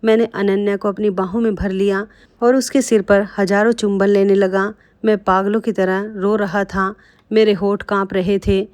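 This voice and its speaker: A woman narrates a dramatic first-person story in an emotional storytelling manner. She speaks directly to her listeners, at an everyday medium pitch. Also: little pitch movement, normal speed, a little mellow. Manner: emotional, addresses listeners as friends.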